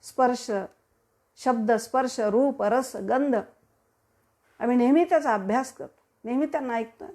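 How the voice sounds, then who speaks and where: A woman's voice: fairly high pitch, unhurried, long pauses, darkish tone. A woman from Maharashtra giving a devotional discourse as a kirtan preacher, rhetorical and declaiming with sudden swells.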